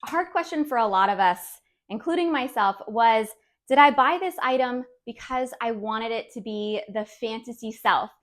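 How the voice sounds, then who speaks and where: A woman in her thirties hosts a decluttering vlog, her voice on the high side and her pace normal. She talks casually and instructively, sounding friendly and encouraging, with light laughs along the way.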